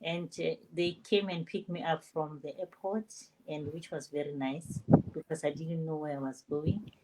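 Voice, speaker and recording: An older woman from South Africa, a nurse and grandmother, telling her story with lively animation on an online panel. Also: sits low, moderate pace, noisy background. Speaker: panel guest.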